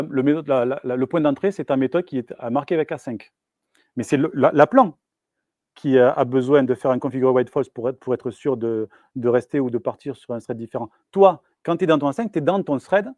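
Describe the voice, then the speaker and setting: A male software engineer gives a live technical presentation in a meetup room, his delivery casual, hesitant, and halting, with many fillers and restarts. His voice is medium-pitched with a darkish tone, and the sound is dry with no room sound.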